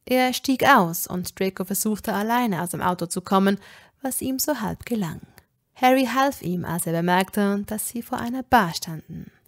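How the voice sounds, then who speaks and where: A woman narrating a fan fiction story in a measured, even way. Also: mid-range voice. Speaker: audiobook reader. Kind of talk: reading fan fiction aloud.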